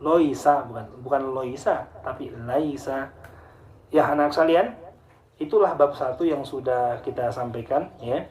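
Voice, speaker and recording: Patient Indonesian teacher in an echoey room. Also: male voice, on the high side, slight background noise. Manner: patient, repeats and chants Quranic examples slowly. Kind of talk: tajwid lesson for students.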